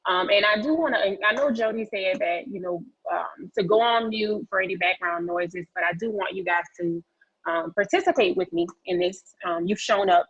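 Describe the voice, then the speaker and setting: A woman's voice: medium pitch, moderate pace, a bit bright, breathy edge. Chatty woman on a muffled video call. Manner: chatty, folksy, encouraging audience participation. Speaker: real estate agent leading a training session. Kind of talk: interactive motivational presentation on a video call.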